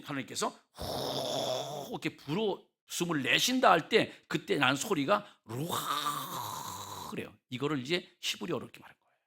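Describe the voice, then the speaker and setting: Male pastor, revival sermon, high gravelly voice, emphatic rhetorical questions. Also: bright, forceful tone. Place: church.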